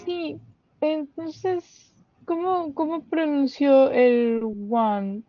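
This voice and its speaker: A female student with a Mexican accent asks her questions slowly and hesitantly over a video call. Her voice is fairly high and she speaks at a very unhurried pace. The sound is dry and a little muffled. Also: fairly even intonation, no echo. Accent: Mexican Spanish.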